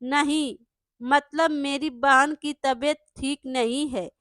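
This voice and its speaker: A woman's voice: sits high, steady tone, takes it slowly, fairly bright tone, no room sound, studio quality. A woman doing a caring elder sister. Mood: pleading. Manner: caring, reassuring, pleading.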